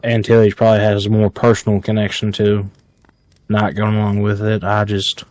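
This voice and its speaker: A man's voice: lowish voice, monotone, moderate pace, darkish tone, no room sound. A man with a Southern US accent, chatting casually as a player in a tabletop game, joking and laid-back.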